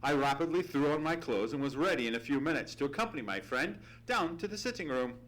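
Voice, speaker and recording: A man playing an earnest, loyal gentleman doctor who narrates and speaks in a live old-time radio play, formally worded. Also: on the high side, lively intonation, rough recording. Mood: admiring. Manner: formal, earnest, measured storytelling. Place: live on a theatre stage.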